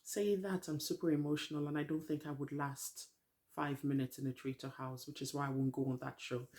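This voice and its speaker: A woman's voice: low voice, fairly even intonation, a little fast, darkish tone. A middle-aged woman vlogging a casual, rambling TV recap, frank with her opinions and a little tired. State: tired, hasn't eaten.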